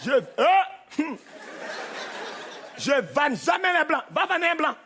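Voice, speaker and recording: A man with a Cameroonian French accent performing stand-up comedy on a theatre stage, animated and punchy, mimicking voices. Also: very high-pitched, slow pace. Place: theatre stage with live audience. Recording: live show with faint crowd and noise. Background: audience laughter.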